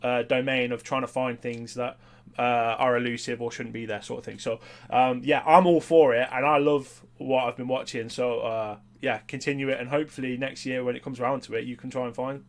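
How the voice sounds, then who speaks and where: A man's voice: medium pitch, fairly even intonation, a little fast. A man hosting a casual interview in a matey, encouraging way. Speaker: interviewer and channel host.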